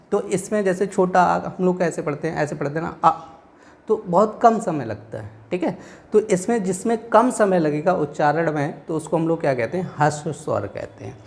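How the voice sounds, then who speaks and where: A man's voice: sits high, gravelly, a little mellow. A male teacher with a northern Indian Hindi accent, giving a classroom lecture and often quizzing listeners with rhetorical questions.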